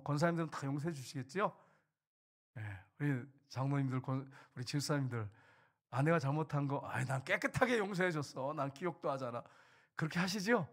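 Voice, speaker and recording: A man's voice: fairly high pitch, a bit bright. A middle-aged male pastor giving a sermon in a church, conversational and questioning, acting out quoted voices. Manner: conversational preaching, asks the congregation questions, voices quoted speech. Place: church sanctuary pulpit.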